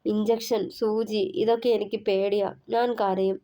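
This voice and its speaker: Woman reading as a tearful young woman, pleading, soft, audio story. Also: medium pitch, little pitch movement, measured pace, natural voice.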